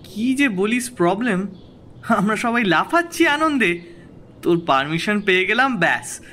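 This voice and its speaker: An eager young friend in an audio drama, always joking. His voice is high and bright, with lively pitch movement. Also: a little slow, exaggerated voice. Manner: jokey, eager. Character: jovial young man teasing his friend.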